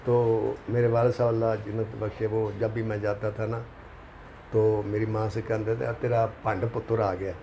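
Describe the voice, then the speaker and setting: A man's voice: lowish voice, normal speed, creaky, a little hiss or hum. Older Punjabi-accented man telling stories. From Pakistan. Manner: animated, acts out the people he quotes. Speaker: film writer, interviewee. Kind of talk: anecdotal storytelling.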